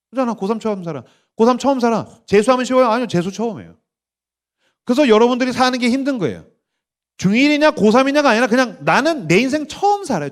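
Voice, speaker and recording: A pastor in his forties giving a sermon at a youth summer camp, leading the crowd to repeat after him and acting out quoted voices. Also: very high voice. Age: 40s. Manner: animated, acts out quoted voices, leads call-and-response. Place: church stage at a summer camp.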